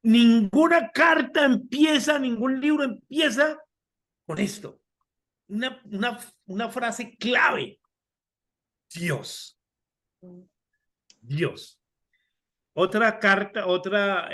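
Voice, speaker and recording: A man teaching an online Bible study class, talking slowly, repeating and restarting words, and putting questions to his students over a video call. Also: high-pitched, expressive, a bit bright.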